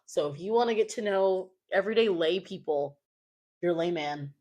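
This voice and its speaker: A young woman co-hosts a casual podcast in a husky, slightly low voice. She is chatty and pokes fun at herself, scattering "like" through her talk. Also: normal speed, warm tone. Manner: chatty and self-mocking, with lots of "like". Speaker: podcast co-host. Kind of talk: casual chat.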